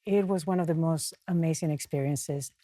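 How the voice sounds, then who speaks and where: Peruvian-born woman, earnest, reflective talk show guest, lower register. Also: dark tone, no echo. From Peru. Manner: earnest, reflective, pausing to find words. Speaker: guest author and mountaineer.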